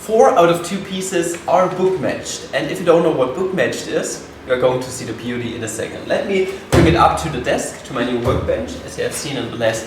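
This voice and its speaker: A man casually narrating a woodworking vlog, talking excitedly and swearing now and then as he works on wood in his workshop. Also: a little high, fairly quick, hardly any pauses, heavy background noise. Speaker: woodworking vlogger. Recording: very echoey workshop room.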